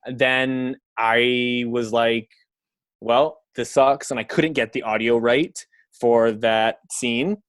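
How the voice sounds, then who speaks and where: A filmmaker guest from Canada takes it slowly on a podcast, his mid-range voice holding fairly even intonation. His casual talk rambles, packed with fillers and a swear word here and there. No echo is heard.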